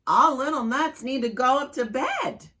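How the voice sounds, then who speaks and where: A woman voicing a stern storybook mother nut, calling out in a loud, commanding voice that grows more emphatic each time. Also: on the low side, big pitch swings, unhurried. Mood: bossy.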